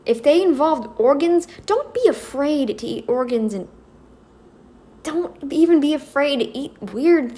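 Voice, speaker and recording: A North American woman rambling through an emphatic opinion commentary, speaking straight to her viewers. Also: sits high. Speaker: commentary vlogger.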